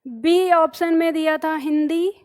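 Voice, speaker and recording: A woman's voice: very high voice, steady tone, unhurried, darkish tone. A woman teaching grammar for exam preparation. She calls her students "बालक", works through examples and keeps checking that they follow. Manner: addresses students as "बालक", asks questions and checks understanding; explains with worked examples, repeating key phrases. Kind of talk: exam-prep grammar lesson.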